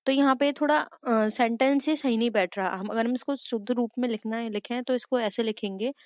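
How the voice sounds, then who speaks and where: A woman teaching grammar for an entrance exam in a chatty way. She reads each sentence slowly and then explains it, and keeps calling her viewers "friends". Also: on the high side, dry recording, studio quality. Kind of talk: exam-prep lesson.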